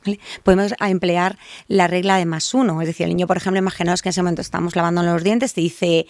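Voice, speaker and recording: A woman speaks as an expert guest in a podcast interview, patiently walking parents through practical advice. Her voice sits low with a gravelly edge. The sound is dry and close. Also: quick pace, no echo. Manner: clear explanatory talk with lively acted examples for parents. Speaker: child language specialist guest.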